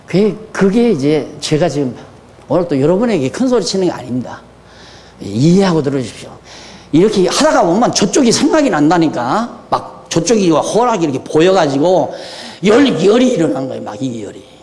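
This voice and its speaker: An older man preaching a sermon in a church, moving between quiet asides and fiery, shouted questions. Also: fairly high pitch, very animated, normal speed, big-room sound. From Korea. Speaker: pastor. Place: church hall.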